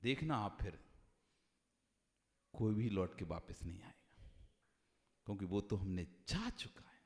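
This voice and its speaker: A male monk giving a devotional sermon on meditation, dropping to hushed asides and then rising to loud, repeated exhortations. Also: lively intonation, unhurried. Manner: swings between hushed low asides and loud high exhortation, repeats phrases. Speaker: Jain monk preacher. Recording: reverberant hall sound.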